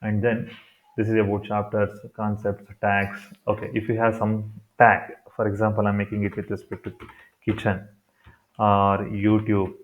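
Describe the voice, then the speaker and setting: A man's voice: lowish voice, monotone, normal speed. A man with a Kannada accent in Indian English explains steps in an improvised, repetitive way, as in an unscripted screen tutorial. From Karnataka, India. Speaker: tutorial presenter. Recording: thin, phone-like narrow-band sound.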